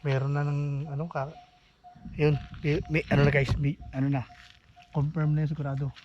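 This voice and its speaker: A man vlogging outdoors near a forest, talking in a hushed, uneasy way and urging his companion to leave. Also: on the high side, flat delivery, moderate pace. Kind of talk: casual vlog narration. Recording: dull lo-fi phone audio with outdoor noise.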